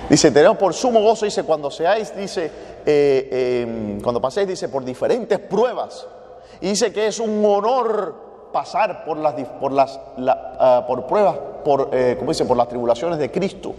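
A man's voice: fairly high pitch, animated, measured pace, mellow. Preacher man in a reverberant hall. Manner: conversational, acts out pleading prayers and God's rebuke. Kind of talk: sermon. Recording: long reverb of a church hall.

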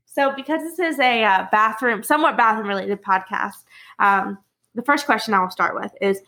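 A woman in her twenties hosting a casual podcast, bubbly and quick to laugh, talking over a video call. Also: fairly high pitch, bright, forceful tone. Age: 20s. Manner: bubbly, laughs often, upbeat intro voice. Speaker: podcast host. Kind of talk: casual chat.

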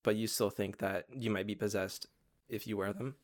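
Young man, lowish voice, casual chat, loose filler-heavy talk. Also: steady tone, moderate pace. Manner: loose, searching, lots of "like".

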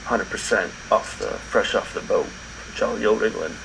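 A man co-hosting a podcast in relaxed, rambling casual chat, with many fillers and restarts. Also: fairly low pitch, moderate pace, vocal fry. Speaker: podcast co-host. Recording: air conditioner hum behind.

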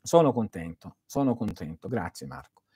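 A man's voice: fairly low pitch, sing-song, normal speed, mellow, husky, dry recording. A man hosting a live stream as a spiritual teacher, answering viewers' questions in an earnest, didactic way and speaking straight to his listeners.

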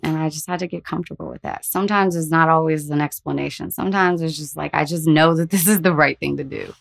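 A woman with a low, full voice talks in a relaxed podcast chat. She thinks out loud, reflective and chatty, and brightens up when she tells a story. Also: quick pace, creaky. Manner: reflective, chatty, animated when telling stories. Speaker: podcast co-host, homeschooling parent. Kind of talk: casual conversational chat.

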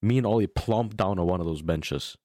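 A young man with a deep voice co-hosts a podcast. He tells stories casually in frat-bro slang, swearing freely. The sound is dry, with hardly any room on it. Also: a little fast, mellow, no echo. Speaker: podcast co-host. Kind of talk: casual chat, storytelling.

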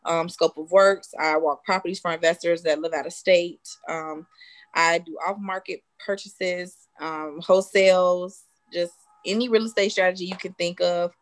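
Woman, low, matter-of-fact. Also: moderate pace. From South Side of Chicago. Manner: steady, matter-of-fact, many "um"s. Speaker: real estate consultant. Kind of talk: casual interview guest.

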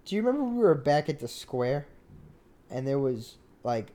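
A man's voice: mid-range voice, very animated, normal speed, warm tone. A young American man in casual, slangy banter with friends, peppering his talk with bro. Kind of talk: casual chat.

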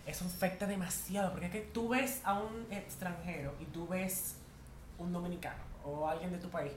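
A man's voice: high voice, fairly even intonation, moderate pace. A man hosting a casual podcast in a campy, playful way, calling people "my love". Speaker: podcast host. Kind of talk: casual chat. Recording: echoey room, faint noise.

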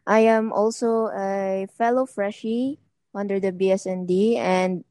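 A woman's voice: medium pitch, steady tone, unhurried, mellow, dry recording. A young woman from Leyte, a student guest speaking hesitantly and mixing Cebuano into English. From Leyte, Philippines. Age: young adult. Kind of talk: casual podcast chat.

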